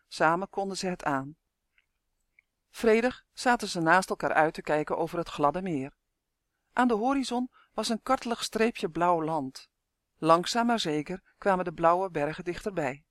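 A man narrating a children's audiobook in a clear, even storytelling manner. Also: high voice, no echo, studio quality.

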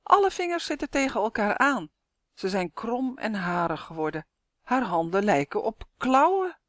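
A woman reading a children's story aloud, lively and acting out the characters. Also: fairly high pitch, normal speed, dry recording, clean studio sound.

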